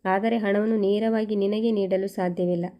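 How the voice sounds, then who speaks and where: Brief: woman reading a wealthy lady, composed and measured, storybook voice. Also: mid-range voice, steady tone, mellow, natural voice. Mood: firm. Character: proud wealthy woman turned respectful.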